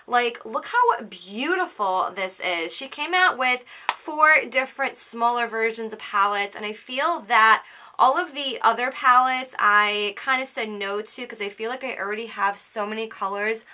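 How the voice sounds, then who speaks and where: A woman's voice: fairly high pitch, unhurried, sharp tone. A young woman from the United States hosting a makeup tutorial, upbeat and gushing, often saying "like" as she narrates each step. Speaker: makeup artist and beauty channel host.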